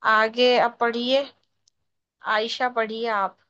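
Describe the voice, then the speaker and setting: A woman teaching tajweed over a video call, patient as she corrects each student step by step. Her voice sits fairly high and sounds smooth and clear. The call audio comes through muffled and lo-fi. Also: little pitch movement, slow pace, fairly bright tone. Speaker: Quran recitation teacher. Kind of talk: online tajweed class.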